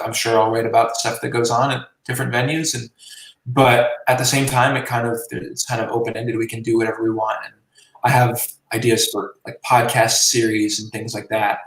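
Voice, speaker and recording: The speaker is a late-twenties man who works as a musician and journalist, chatting casually in an interview and rambling with many fillers. He has a mid-range voice. Picked up far from the mic, the sound is roomy.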